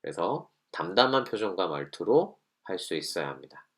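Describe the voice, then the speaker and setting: A man's voice: low voice, big pitch swings, moderate pace. A male teacher giving an online lesson, explaining step by step and acting out short example lines.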